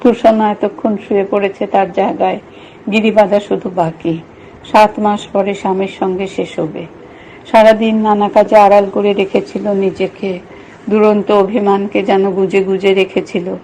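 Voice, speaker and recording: A woman reading a novel aloud in a steady, measured storytelling voice. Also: mid-range voice, slight background noise, poor audio. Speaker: reader.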